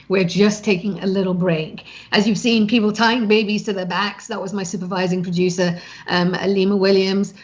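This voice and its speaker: A woman hosting a show, thanking her team and viewers in a heartfelt, halting way. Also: mid-range voice, highs cut off. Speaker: host. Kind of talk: emotional sign-off to viewers.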